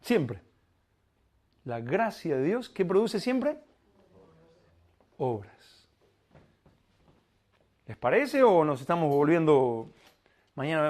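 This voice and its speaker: A male pastor delivers an animated sermon in a high, lively voice. He fires off rhetorical questions and drags out the key words of the verses he reads. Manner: animated preaching, rhetorical questions, slow emphatic reading of scripture.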